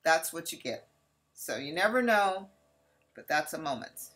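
Woman, from California, low pitch, bright forceful tone, chatty slideshow narration. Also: big pitch swings, unhurried. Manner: chatty, addressing the audience directly. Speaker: safari presenter.

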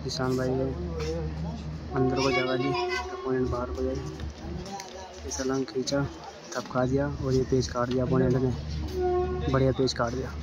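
On a city rooftop, a young man narrates a kite fight live while recording on his phone, his delivery flat and steady. He speaks in a mid-range voice at a moderate pace with long pauses, and the outdoor audio is lo-fi with street noise.

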